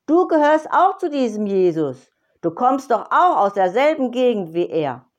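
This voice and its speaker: A woman voicing a crowd of bystanders loudly and insistently accusing a man. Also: big pitch swings, normal speed. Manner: loud, high, insistent accusing.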